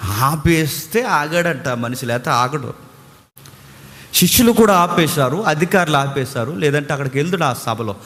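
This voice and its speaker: A male pastor with a somewhat high voice delivers a sermon, peppered with rhetorical questions and quoted voices he acts out. English words slip into his speech. His voice rings through a hall with a long trailing reverb. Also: expressive, moderate pace, fairly bright tone.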